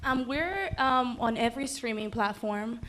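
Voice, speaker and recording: A woman's voice: fairly high pitch, lively intonation, a little slow, a bit bright, slight background noise. A young woman from the Dominican Republic, a singer, chatting as a guest in a casual livestream interview, bubbly with many ums. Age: young adult.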